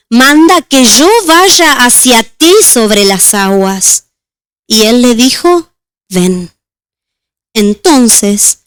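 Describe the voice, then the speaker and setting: A woman deaconess preaching a sermon and reading scripture aloud, slowing down on key words. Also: sits high, clean tone, no echo. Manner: measured, slows on key words.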